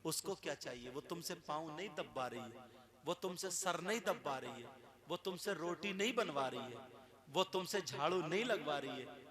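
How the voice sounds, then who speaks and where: Animated preacher with a high voice. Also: male voice, normal speed. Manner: animated storytelling, mimics quarrels, rising to shouts. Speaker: Islamic preacher. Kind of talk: sermon. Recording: echoey hall with crowd.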